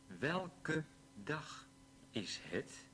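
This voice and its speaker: Male drill reader: very slow, deliberate, lively intonation, mid pitch. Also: slight background noise. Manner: slow, carefully pronounced sentences. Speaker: language teacher reading examples. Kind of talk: slow read-aloud language drill.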